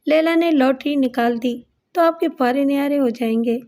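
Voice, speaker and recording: A playful, teasing young woman in an audio crime story, read by a woman. The voice is high with a soft, mellow tone. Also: close to an everyday voice.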